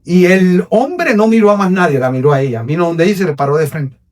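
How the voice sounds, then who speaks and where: A Puerto Rican evangelist tells his testimony with a preacher's earnestness, his fairly high voice dropping low and then rising with emphasis. He sits a little back from the mic, so the sound is somewhat distant. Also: fast. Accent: Puerto Rican Spanish. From Puerto Rico. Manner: earnest, preacherly, swings between hushed and emphatic. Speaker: evangelist, podcast guest. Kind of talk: personal testimony storytelling.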